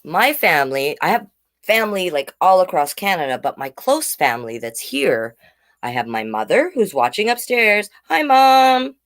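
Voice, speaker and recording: This storytime reader has a lowish, sing-song voice and keeps a moderate pace. As she reads a picture book to young children, she chats in simple words and explains things with tag questions.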